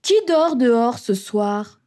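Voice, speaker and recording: A woman voicing a calm, friendly uncle in a children's storybook. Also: a little high, slow pace. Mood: gentle. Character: friendly uncle, a grown man.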